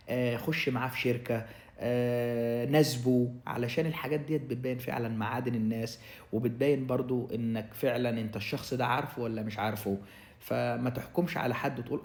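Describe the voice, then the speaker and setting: A young Egyptian man with an Egyptian Arabic accent tells his story in a rapid, tumbling rush. He slips into the voices of the people he talks about and keeps speaking straight to the listener. His mid-pitched voice rings off the walls of an echoey room. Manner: animated storyteller, acts out quotes, addresses listener as "ya m'allem". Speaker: vlogger telling his own migration story. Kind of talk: casual storytelling to camera.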